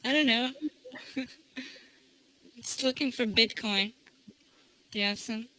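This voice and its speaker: A man from Canada calling in with a voice changer that morphs his voice into a higher, female-sounding one, speaking quietly, slowly and teasingly. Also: fairly even intonation, low-quality recording. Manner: quiet, slow, giggly and teasing. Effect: voice changer morphing a male voice into a higher female-sounding one. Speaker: caller. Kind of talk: prank call-in chat.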